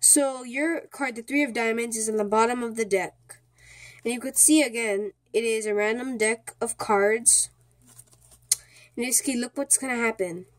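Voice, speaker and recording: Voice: mid-range voice, normal speed. A speaker giving a casual, step-by-step card trick tutorial in an informal, repetitive way, often checking in with the listener. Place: indoors at a small table.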